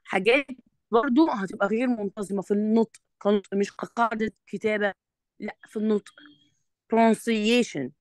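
A woman's voice: mid-range voice, fairly even intonation, a little mellow, no echo. A woman with an Egyptian Arabic accent tutoring a student in English, explaining patiently and checking often that she is understood. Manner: reads English sentences slowly and deliberately. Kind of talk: one-on-one revision lesson.

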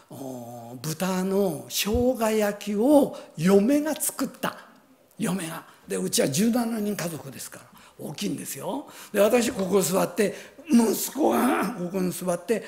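An older man, a pastor, preaching a sermon by telling a personal story in an animated way, with sound words and chuckles. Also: high-pitched, creaky.

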